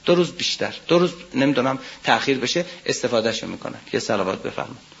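A man preaching a sermon, swinging between loud emphatic rises and low quiet asides, and reciting scripture in a drawn-out chant. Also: expressive, gravelly, husky. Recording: dull lo-fi sound.

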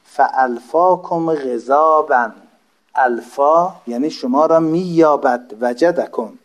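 A man giving a religious lesson, reciting Arabic phrases slowly and then explaining them plainly, with rhetorical questions to his listeners. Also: medium pitch. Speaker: religious teacher. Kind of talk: explanatory lecture on Arabic text.

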